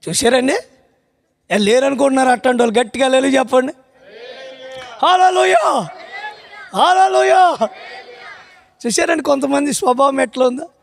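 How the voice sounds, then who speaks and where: A man preaching a sermon as pastor, telling a comic story and shouting praise calls to the congregation. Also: very high-pitched, little pitch movement, fast, vocal fry, some chatter behind. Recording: hall reverb.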